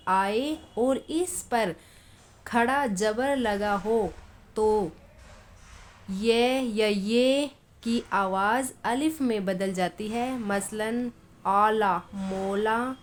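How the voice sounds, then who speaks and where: Slow, patient woman teaching a lesson. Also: fairly high pitch, slight background noise. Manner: patient, repeats examples slowly, then explains quickly. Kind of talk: Urdu phonetics lesson.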